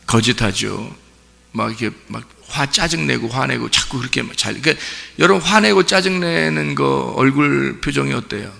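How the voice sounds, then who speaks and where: A man's voice: mid-range voice, normal speed, gravelly, sharp tone. A male pastor preaching a sermon in a conversational way, often putting rhetorical questions to his congregation. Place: church sanctuary during Sunday service. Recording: long church reverb.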